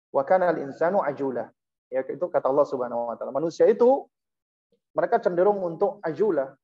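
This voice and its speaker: A religious lecturer giving a parenting talk to a hall and an online audience. The delivery is unhurried and steady, explaining point by point with a frequent affirming "ya". The pitch sits mid-range, and the recording sounds somewhat dull and lo-fi.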